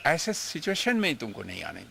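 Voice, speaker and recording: An older man tells stories about his guru in an interview, earnest and emotional. His voice sits a little high and sounds bright and forceful. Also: huge pitch swings, fairly quick, gravelly, slight background noise. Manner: emotional, earnest storytelling, mixing in English phrases. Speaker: swami recalling his guru. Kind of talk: reminiscing interview.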